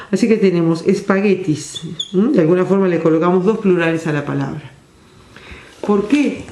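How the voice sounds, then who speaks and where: A teacher gives a recorded university lecture, explaining at a measured pace, pausing while writing and often checking in with a soft questioning hum. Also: mid-range voice. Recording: echoey room with faint background noise.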